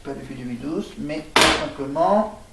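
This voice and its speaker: A man vlogging casually, hesitating with fillers and restarts while he writes on a board and spells words out loud. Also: on the high side, animated, moderate pace, vocal fry, far from the mic. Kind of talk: rambling casual vlog, spelling words aloud. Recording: echoey room, voice off-mic, faint noise.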